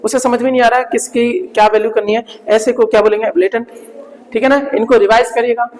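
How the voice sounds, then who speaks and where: High-pitched male teacher, reverberant hall. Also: steady tone, quick pace. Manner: repeats words and checks with "ठीक है ना?". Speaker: English vocabulary teacher. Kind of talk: Hindi-English vocabulary lesson.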